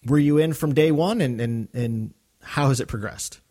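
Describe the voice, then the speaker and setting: A man's voice: mid-range voice, moderate pace, dark tone. Rambling male podcast host. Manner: rambling, many fillers and restarts. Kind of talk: casual podcast chat.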